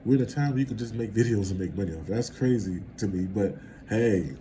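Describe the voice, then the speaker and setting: A man's voice: lowish voice, brisk, noisy background. A man vlogging casual celebrity gossip commentary, rambling and conversational and laughing at his own asides.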